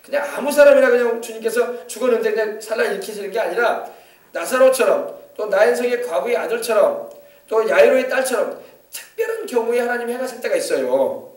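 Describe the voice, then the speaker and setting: A man's voice: very high-pitched, animated, fairly quick, echoey room, distant mic. A male pastor preaching a sermon with emphasis, often asking the congregation to confirm. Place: church sanctuary.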